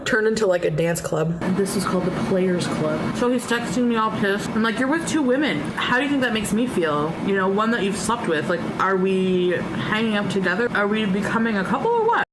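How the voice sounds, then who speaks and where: A woman's voice: medium pitch, lively intonation, fairly quick, very noisy. Chatty, blunt woman telling a story. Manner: chatty and blunt, swears freely, laughs often. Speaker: storyteller recounting her past. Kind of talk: casual storytime monologue.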